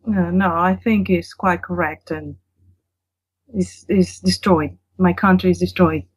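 A woman's voice: lowish voice, steady tone, measured pace, breathy edge, no echo, low-quality recording. A woman from Venezuela, calling in to a talk show and speaking politely and earnestly. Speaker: caller. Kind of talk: phone-in conversation.

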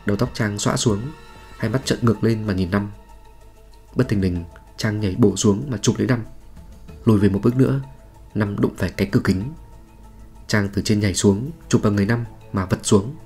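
A man's voice: on the low side, a little fast, darkish tone. A man reading a scripted horror story in a dramatic, suspenseful manner. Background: faint music.

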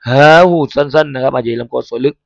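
Male recitation teacher with a Thai accent, chanting letters slowly, dry close lo-fi recording. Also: medium pitch, fairly even intonation, vocal fry, no echo. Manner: slow melodic spelling chant, then brisk explanation. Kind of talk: chanting Arabic letters then explaining in a lesson. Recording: dull lo-fi sound.

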